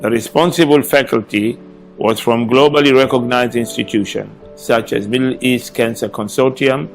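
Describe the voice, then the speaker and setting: A man reading a formal scripted narration in an even, steady way. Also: medium pitch, normal speed, vocal fry. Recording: voice-over with guitar music.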